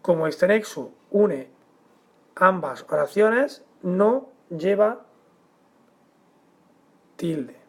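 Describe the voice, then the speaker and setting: A man teaching a grammar lesson, explaining at a measured pace and stressing the example words. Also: high voice, expressive.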